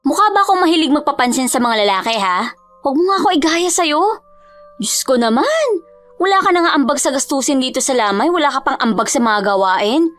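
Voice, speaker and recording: A woman's voice: high voice, expressive, a little fast, fairly bright tone, faint music behind. A woman voicing a young woman in her twenties who scolds her twin sister in an exasperated, reproachful way.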